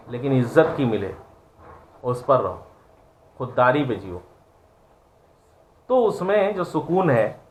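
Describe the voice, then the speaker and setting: A man's voice: a little high, a bit bright, a little hiss or hum. A man teaching an online class, giving an earnest, preachy moral lecture full of rhetorical questions.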